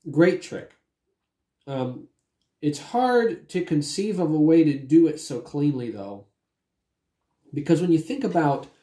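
A man's voice: medium pitch, mellow. A man in his forties with a cold, talking casually and explaining things with a lozenge in his mouth. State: getting over a cold. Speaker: magician discussing technique. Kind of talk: casual explanatory vlog talk. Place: timber-framed dining room at home, indoors. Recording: roomy echo.

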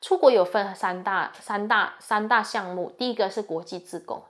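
A woman's voice: mid-range voice, normal speed. A young woman from Malaysia, a university student chatting earnestly as she shares her experience and gives advice. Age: young adult. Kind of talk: casual advice talk.

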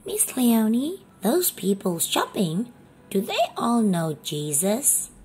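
Woman voicing a curious, excitable little boy puppet. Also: fairly high pitch, slow pace, husky, full character voice. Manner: short eager answers and innocent questions. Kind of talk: kids show puppet act.

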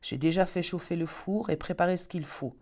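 A wicked old witch who lures children in, voiced by a woman storyteller, with a honeyed coaxing tone that turns to sharp commands. The voice sits low and dark, in a storybook reading. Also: brisk, close to an everyday voice. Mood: scheming. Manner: wheedling, then barking orders.

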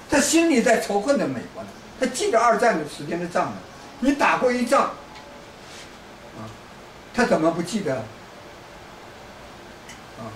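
A man from China giving a rambling, lecturing political monologue, full of repeated restarts and pointed asides to the listener. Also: high voice. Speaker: political commentator. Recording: roomy, distant mic, faint background noise.

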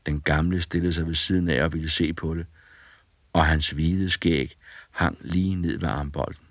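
A man narrating a fairy tale audiobook in a calm, measured storytelling manner. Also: rumbling low, no echo.

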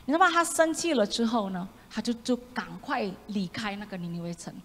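A woman preaching a sermon, animated, acting out voices and dropping into whispered asides. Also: a little high, a little fast. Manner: animated, acts out voices of the prophet with sudden loud and whispered asides. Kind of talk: sermon with congregation reading along. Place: church hall. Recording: echoey church hall, faint room noise.

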